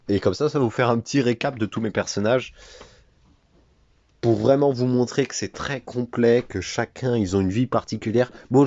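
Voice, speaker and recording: A teenage man speaks to his audience in a casual, hesitant way with many filler sounds. His voice is low for a man his age. The recording is dry and slightly lo-fi. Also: a little mellow, no room sound. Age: teens. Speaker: gamer and video creator. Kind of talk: casual talk to viewers.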